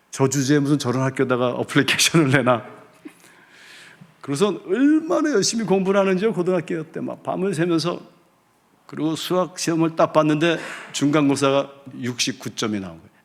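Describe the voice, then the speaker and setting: A man's voice: a little high, sing-song, brisk. A middle-aged male pastor preaching in a church. He tells a personal story in a conversational, folksy way and slips English words into his speech. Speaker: pastor and seminary professor. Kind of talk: storytelling sermon. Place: church sanctuary.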